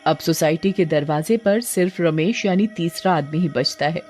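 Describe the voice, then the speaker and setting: A woman's voice: fairly low pitch, normal speed, a little mellow, soft background music. Woman narrating a horror story.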